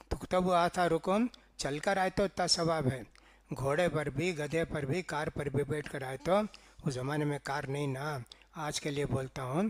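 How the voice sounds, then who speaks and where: A male preacher giving a Ramadan sermon in a chatty, storytelling way, tagging phrases with "ji" and "na" and acting out the dialogue of his stories. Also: on the high side. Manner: conversational storytelling, frequent "ji" and "na" tags; acts out quoted speech in dialogue. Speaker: mosque preacher.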